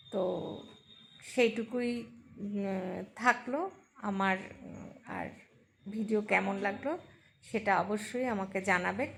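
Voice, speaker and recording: Hoarse woman vlogger in a noisy recording. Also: mid-range voice, a bit bright. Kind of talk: casual chatty vlog narration.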